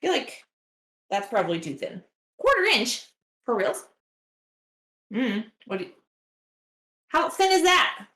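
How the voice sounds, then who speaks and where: A woman's voice: on the high side, sing-song, unhurried, long pauses, pushed and bright, reverberant. A woman hosting a baking livestream, chatting casually and rambling with lots of "like" fillers. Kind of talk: casual chat while baking. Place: home kitchen.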